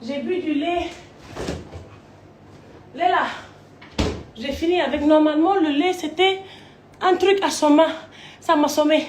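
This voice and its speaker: A woman from Côte d'Ivoire, speaking in a high-pitched voice at an unhurried pace with frequent pauses, goes on a rambling live rant, swearing crudely as she tells a long personal story. The recording has a roomy echo and slight background noise.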